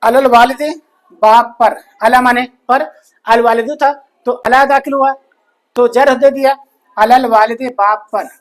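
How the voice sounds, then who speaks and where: A man teaching a grammar lesson, slowly repeating each phrase and answering his own questions. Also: very high voice, steady tone. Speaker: Arabic teacher.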